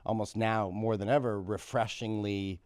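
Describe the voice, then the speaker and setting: A man telling stories in a casual podcast conversation, animated, with many restarts and fillers. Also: fairly low pitch, normal speed, clean tone, dry recording. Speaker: podcast guest, magician.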